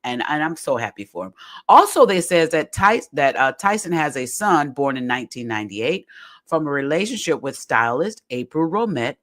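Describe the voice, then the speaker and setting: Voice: mid-range voice, very animated, normal speed, fairly bright tone. A podcast host giving casual commentary while reading aloud from a web page, chatty and folksy, often stumbling over the words.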